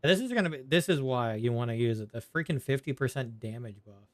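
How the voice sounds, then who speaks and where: A man with a mid-range voice streams a video game casually, talking in a brisk, animated way. His live gameplay chat rambles, aimed partly at himself and partly at his viewers.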